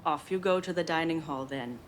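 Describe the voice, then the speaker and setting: A woman's voice: low-pitched, brisk, slight background noise, natural voice. A woman playing a curt, distrustful female assistant in a mystery video game, dry and disdainful. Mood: grudging, scornful.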